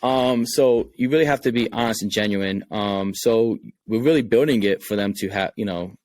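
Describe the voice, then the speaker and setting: A game creator with a Rhode Island accent talks casually but earnestly on a podcast, often repeating words while he thinks. His voice is lowish and a little mellow, at a moderate pace, with no room sound.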